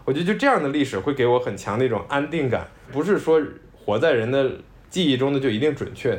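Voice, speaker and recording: A man co-hosting a podcast, reflectively telling a family story in casual conversation. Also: medium pitch. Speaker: podcast co-host. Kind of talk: casual chat.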